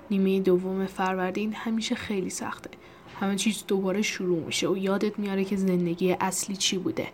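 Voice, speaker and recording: Woman reading a novel, calm. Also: medium pitch, slight background noise. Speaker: audiobook narrator.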